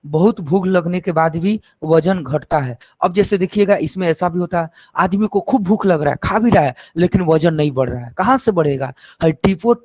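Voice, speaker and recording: A man's voice: sits high, darkish tone, no echo. A man teaching a lesson, explaining step by step and asking and answering his own questions. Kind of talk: classroom lecture.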